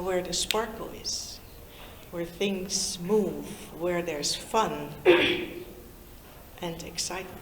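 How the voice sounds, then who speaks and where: Talking informally to young listeners in Lusaka, this fifty-something woman, a native Dutch speaker, keeps them engaged by asking questions. Her pitch is fairly low and her manner slow, warm and chatty. There is reverb and a little hiss or hum.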